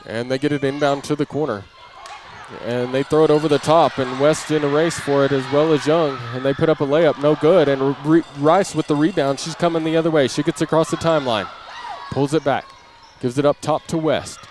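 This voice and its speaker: A brisk man with a slightly mellow, higher-pitched voice and fairly even intonation gives live basketball play-by-play. His radio-style calls come in clipped running phrases that lift on big plays, from an indoor gym where ambience and a bouncing ball make the recording clearly noisy.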